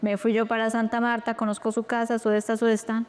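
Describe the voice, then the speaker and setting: A Colombian woman, an interview guest, retelling a painful personal story in a lively, animated way with quoted dialogue. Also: a little high, a little fast, clear, resonant tone.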